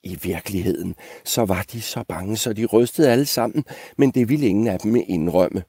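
A man reading a fairy tale aloud in an expressive storytelling manner. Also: on the low side, slightly rough, no echo, clean studio sound.

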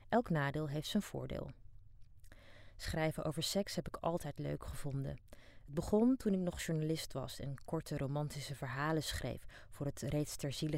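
A middle-aged woman from Amsterdam, Netherlands, reads her own diary as an audiobook, frank, wry and down-to-earth. Her deep voice is a little mellow, captured in a dry, clean studio recording.

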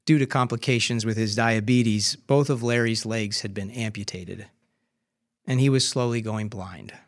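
A preacher giving a sermon, telling a story in a measured way. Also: male voice, lowish voice.

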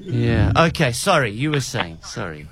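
A man's voice: mid-range voice, very animated, moderate pace, fairly bright tone. An exasperated, apologetic man playing a harried dad on a prank phone call. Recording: faintly noisy phone call.

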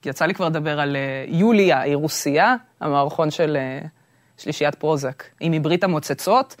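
A woman from Israel with an Israeli accent, talking casually and with opinions as an interview guest, informal and halting as she argues a point. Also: sits low, dry recording, studio quality. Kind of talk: casual, opinionated podcast conversation.

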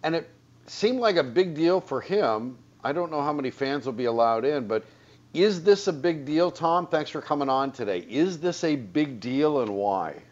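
A man's voice: fairly high pitch, lively intonation, moderate pace, dull audio. An American man hosting a sports talk radio show.

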